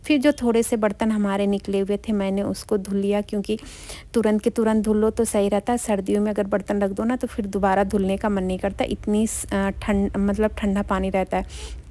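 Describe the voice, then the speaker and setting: Talking fairly quickly in a level, mid-range voice, a woman vlogs her morning routine at home: cooking, cleaning the kitchen and taking a walk outside. She chats casually through the chores and drops to a softer voice now and then so she won't disturb the neighbours.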